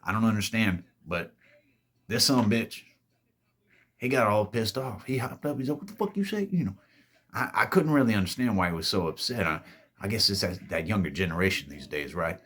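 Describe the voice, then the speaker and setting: The show's host talks briskly in a fairly low, slightly bright voice while telling a rambling story. He's boastful and profane but easygoing, backtracking to fix his words and calling viewers "babies."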